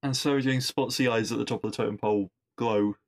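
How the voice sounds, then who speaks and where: A man at a mid-range pitch, talking through a TV episode in a loose, conversational recap. He drifts into wry asides and often repeats a word while he thinks. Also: fairly even intonation, quick pace. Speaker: podcast host reviewing episodes.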